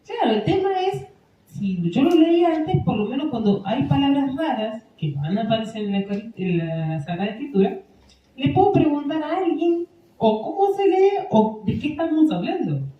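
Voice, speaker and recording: A woman's voice: sits high, very animated, normal speed, dull audio, slight background noise. A woman giving an informal training talk to a parish group, conversational and often checking that listeners follow. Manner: conversational, asks the room for agreement often. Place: parish meeting room. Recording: echoey room, distant mic.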